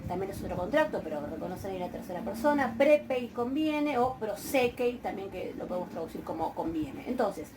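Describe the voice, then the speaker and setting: Argentine woman lecturer, mid-pitched, patient and hesitant, faint hiss behind. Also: sing-song, fairly quick, few pauses. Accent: Argentine Spanish. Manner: patient, explanatory, frequent hesitations and checking questions. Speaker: university Greek teacher. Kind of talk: recorded online lecture.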